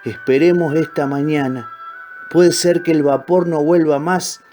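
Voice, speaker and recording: A man voicing an old, wise male caiman in a storybook reading, speaking slowly in a raised, drawn-out voice over faint music. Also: fairly even intonation, dark tone, close to an everyday voice. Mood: grave. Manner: slow, high, drawn-out lines.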